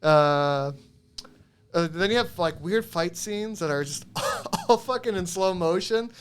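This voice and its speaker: A man's voice: high voice, lively intonation, unhurried, smooth. A man co-hosting a podcast, casually recapping a movie, rambling, swearing and laughing as he goes. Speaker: podcast co-host.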